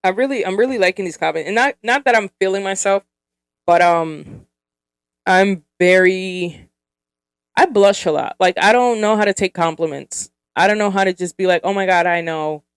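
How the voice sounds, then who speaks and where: A woman in her thirties chats on her own podcast, giggly and full of fillers. Her voice is smooth and even in pitch. The sound is dry and close. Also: normal speed, no echo. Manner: chatty, giggly, lots of fillers. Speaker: podcast host. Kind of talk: casual solo podcast chat.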